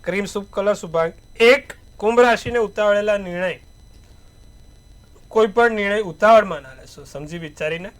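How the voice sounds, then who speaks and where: A man with a high voice gives a daily horoscope and tarot reading. He advises in repetitive, proverb-like phrases. His loudness rises and falls, with emphatic bursts on key words. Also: normal speed. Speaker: astrologer.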